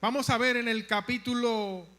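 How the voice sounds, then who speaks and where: A man co-pastor preaching a sermon in short phrases, pausing for his interpreter. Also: extremely high pitch, steady tone, bright, forceful tone.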